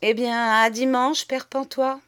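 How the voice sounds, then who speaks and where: A woman voicing a boastful, blustering middle-aged man, the master of the house, who talks loudly and swears freely. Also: extremely high pitch, level tone, a little slow, clean tone, pitched above the performer's own voice, heavily acted. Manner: loud, swaggering, swears freely.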